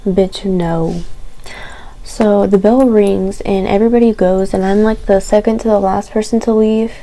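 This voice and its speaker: A young adult woman vlogging, telling stories in a candid, animated, casual way, swearing and saying "like" often. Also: mid-range voice, moderate pace. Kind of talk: casual chatty storytelling.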